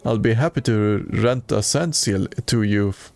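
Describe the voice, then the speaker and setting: A man's voice: on the low side, measured pace, vocal fry, darkish tone. A man streaming a video game and reading its dialogue aloud in a plain way, with occasional stumbles.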